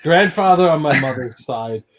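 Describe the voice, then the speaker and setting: A man's voice: on the high side, lively intonation, moderate pace, slight background noise. A young man in his twenties co-hosting a casual livestream chat, hesitant and stammering, laughing often. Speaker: co-host.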